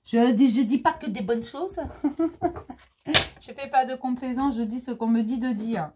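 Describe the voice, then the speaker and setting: A woman giving a general tarot reading, her voice hoarse and fading, who softly repeats her questions to the cards. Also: a little high, a little slow, very noisy. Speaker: tarot reader.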